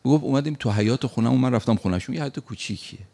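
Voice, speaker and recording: A man's voice: mid-range voice, vocal fry, mellow. A man preaching a sermon, telling a story in an emphatic way and acting out the lines of the people in it. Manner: recounts an anecdote with acted quotes, emphatic.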